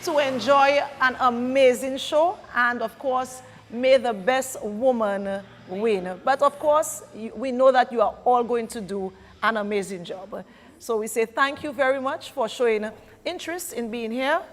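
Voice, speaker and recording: A woman's voice: on the high side, unhurried. A woman hosting a live pageant interview and addressing viewers. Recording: reverberant hall, faint background noise.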